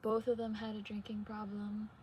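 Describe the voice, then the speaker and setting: A young adult woman vlogging in casual, unscripted confessional chat, hesitant, trailing off and pausing between phrases. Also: mid-range voice, monotone, darkish tone, a little hiss or hum. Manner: hesitant, trailing sentences with long pauses.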